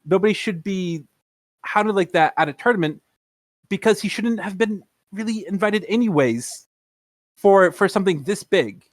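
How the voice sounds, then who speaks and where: This is a man with a high-pitched voice, recorded dry and close. He speaks earnestly in a casual podcast chat and often repeats a word before pushing his point forward. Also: lively intonation, normal speed, dry recording. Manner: earnest, repeats words while building a point. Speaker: podcast co-host.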